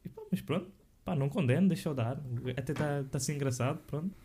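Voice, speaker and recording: A man's voice: fairly high pitch, fast talker, dark tone, a little hiss or hum. A young man with a European Portuguese accent, chatting casually in slang with many fillers and restarts. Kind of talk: casual podcast chat.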